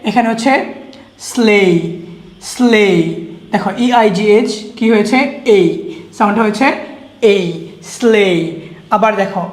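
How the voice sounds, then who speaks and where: A woman's voice: medium pitch, steady tone, a little mellow. A woman teaching English pronunciation, repeating each word several times and quizzing her listeners. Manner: patient, drawn-out spelling of letters. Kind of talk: classroom-style phonics lesson. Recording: echoey room.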